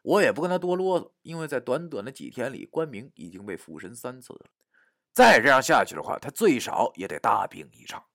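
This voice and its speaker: A man narrating a first-person story, dramatic, dropping to a hush and rising to shouts. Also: mid-range voice, a little fast, vocal fry, dry recording, studio quality. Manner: animated, dramatic, swings from hushed to shouting.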